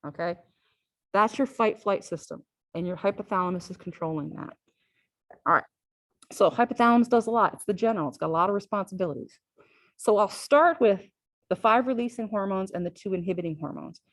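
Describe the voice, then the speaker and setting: Teaching a physiology class, a woman talks in a relaxed, repetitive, conversational way, frequently stopping to ask "all right?". Her pitch is middling, and the sound is dry and close, without any room echo.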